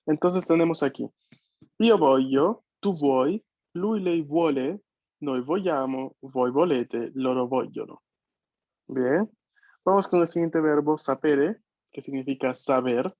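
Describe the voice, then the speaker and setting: A man's voice: on the high side, takes it slowly, a little mellow, dry recording. Man teaching an online language class. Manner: patient, checks understanding with frequent questions. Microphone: video call. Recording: dull, dry video-call audio.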